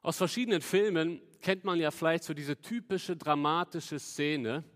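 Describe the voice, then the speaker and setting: A man preaching a sermon in an earnest, explanatory manner, slowing down to stress quoted lines. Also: on the high side, big-room sound. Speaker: pastor.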